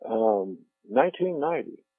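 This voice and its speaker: An older man reminiscing in an interview in a halting way, with pauses and repeats, speaking over a telephone. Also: mid-range voice, very animated, breathy edge, dry recording. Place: on a telephone call. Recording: muffled telephone line with electrical hum.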